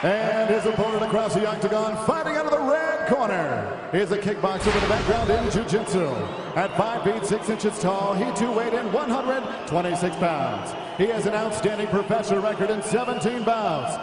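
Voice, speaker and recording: A man working as a bilingual ring announcer in lucha libre style, booming like a showman and drawing out names. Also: expressive, moderate pace. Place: large indoor arena. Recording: echoey arena PA, long reverb, loud crowd.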